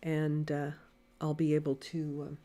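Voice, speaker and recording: Soft-spoken woman teaching watercolor. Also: low-pitched, monotone, unhurried. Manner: quiet, soft-spoken, thinking aloud while painting. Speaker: watercolor art instructor. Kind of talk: live painting lesson. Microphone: desk mic near camera.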